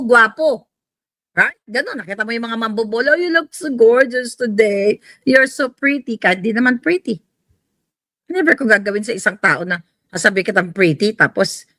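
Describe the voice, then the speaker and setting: A woman's voice: fairly high pitch, bright, forceful tone, no echo. A woman with a Filipino accent giving heated, mocking political commentary, mixing in English asides.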